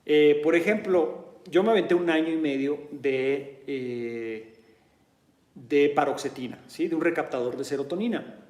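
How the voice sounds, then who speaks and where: A martial arts instructor with a Mexican Spanish accent shares personal experience in a candid, casual monologue, often checking in with a "¿sí?" His voice is fairly high, unhurried and a little mellow, with a reverberant sound.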